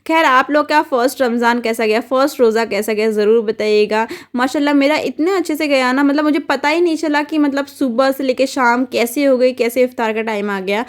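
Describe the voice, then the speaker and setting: A young adult woman talks through her day in a relaxed, homely voice-over, as a mother showing her routine. Her voice sits a little high, and she rambles with fillers and restarts along the way. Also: brisk, few pauses. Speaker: vlogger and mother. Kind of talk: casual voice-over narration of a daily routine.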